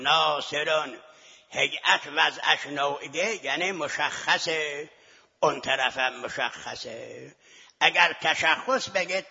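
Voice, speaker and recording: A man's voice: a little high, pushed and bright, husky. A man teaching seminary students in a scholarly lecture, arguing his point and posing rhetorical questions to the class. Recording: lo-fi recording with long hall reverb.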